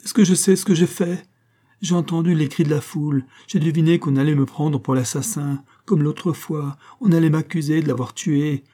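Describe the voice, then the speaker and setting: A man's voice: a little high, fairly even intonation, normal speed, mellow, voice pushed up, natural voice. A man voicing a desperate young ex-convict who pleads his innocence in a frantic, protesting way. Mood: pleading.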